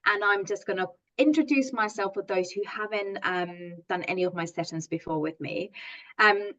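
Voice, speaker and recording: A woman's voice: medium pitch, normal speed, a bit bright, lo-fi sound. Enthusiastic woman from Finland coaching. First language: Finnish. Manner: earnest, enthusiastic, many fillers and restarts. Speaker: positive psychology coach. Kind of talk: online masterclass talk.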